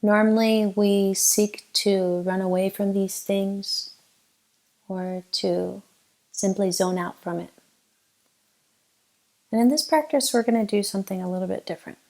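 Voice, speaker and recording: Leading a guided meditation, a female teacher speaks gently and unhurriedly, with long pauses between her instructions. Her mid-range voice keeps fairly even intonation. Audio quality is poor.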